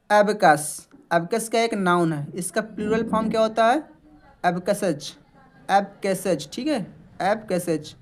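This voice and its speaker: Patient teacher drilling word pronunciation. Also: male voice, sits high. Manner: asks questions and answers them himself, often adding a checking "okay"; repeats words slowly to model their pronunciation. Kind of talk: classroom-style lesson explaining English words in Hindi.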